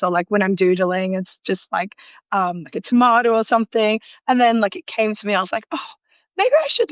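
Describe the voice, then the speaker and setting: Joining a live online interview by remote call, an Australian woman who illustrates food talks casually, with frequent ums, likes and quick laughs. Her voice is medium-pitched, and sirens drift in from the loud city outside her apartment. The sound is lo-fi with no echo.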